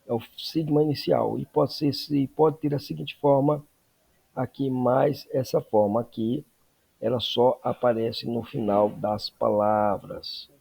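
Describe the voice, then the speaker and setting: A man teaching a Greek lesson, explaining slowly and checking in with frequent tag questions. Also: mid-range voice, fairly even intonation, vocal fry, a little mellow, husky. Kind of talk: classroom lesson.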